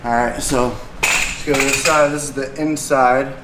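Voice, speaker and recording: A man's voice: medium pitch, fairly even intonation, unhurried. A young man casually walking viewers through a car repair in his garage, talking loosely with slang. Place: home garage with a car lift. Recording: echoey garage, faint noise.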